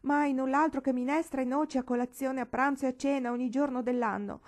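A scolding, sulky young girl from a storybook, as a woman reader puts her on. She speaks sharply, higher and louder than the narration around her. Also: fairly even intonation, a little fast, close to an everyday voice. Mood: tearful.

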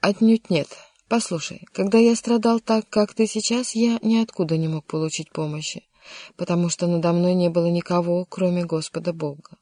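Brief: reader doing a fatherly king, warm and coaxing, mellow dark tone, dry close read. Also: medium pitch, steady tone, moderate pace, no room sound, lightly acted. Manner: warm, coaxing, sometimes vexed. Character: kindly insistent older male king. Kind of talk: audiobook character reading.

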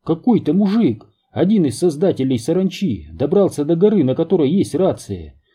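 A man reading an audiobook, voicing a chatty, excitable young woman lab worker who gossips insistently. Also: high voice, a little slow, husky, pitched above the performer's own voice, heavily acted. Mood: excited.

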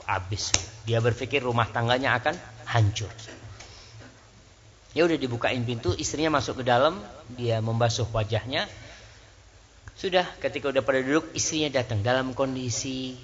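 Man preaching with sudden high rises. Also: fairly bright tone, slight background noise. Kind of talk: sermon. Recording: slightly dull lo-fi sound.

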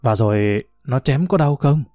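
A man voicing a sharp-tongued older wife who scolds and pries at her husband. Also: medium pitch, lively intonation, measured pace, no room sound, studio quality, faint music behind, lightly acted. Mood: scolding. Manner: scolding, prying.

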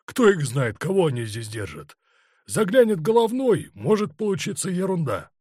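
A man voicing a gruff, cautious Cossack captain who urges caution in an audiobook. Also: high voice, very animated, normal speed, a little mellow, dry recording, clean studio sound, pitched above the performer's own voice, heavily acted. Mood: uneasy urging.

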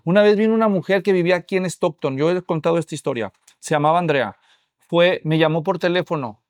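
A man's voice: a little high, fast talker, no echo, studio quality. A middle-aged man preaching a sermon as a pastor, telling a story and addressing the congregation directly.

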